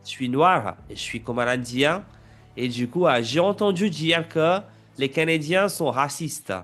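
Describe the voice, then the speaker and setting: A man with a French accent plays his part in a speaking exam role-play, chatty and relaxed. He nudges the candidate along with tag questions. His voice sits a bit high, with faint music behind. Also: unhurried. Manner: casual, prompting with tag questions. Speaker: examiner.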